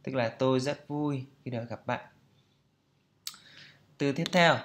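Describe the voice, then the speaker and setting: A male teacher taking a pronunciation lesson at an unhurried pace. He drills every word over and over in a mid-range voice, then slows down further to explain each sound patiently. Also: mid-range voice, a little hiss or hum.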